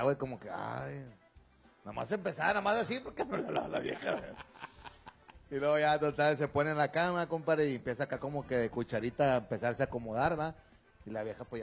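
A man's voice: medium pitch, creaky. A man hosting a radio comedy show, telling crude jokes in slangy talk full of güey and compadre.

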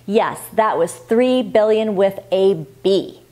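A woman's voice: medium pitch, slow, a little mellow. A woman hosting a health tips video, speaking to camera in an emphatic, scripted style full of rhetorical questions.

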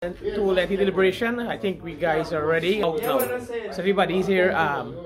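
Man, 30s, high-voiced upbeat phone vlogger, crowd chatter all around. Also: animated, brisk. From Guyana. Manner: upbeat, enthusiastic running commentary. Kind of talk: casual handheld vlog commentary. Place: hotel room and lobby, indoors. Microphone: phone camera held at arm's length. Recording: phone video amid loud crowd chatter.

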